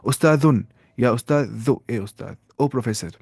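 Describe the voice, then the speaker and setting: A man's voice: medium pitch, gravelly, a little mellow, breathy edge, no room sound. Patient male Arabic teacher, dry sound. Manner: slow drilling of phrases, repeats and asks the listener. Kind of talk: grammar lesson, mixing Urdu, Arabic and English.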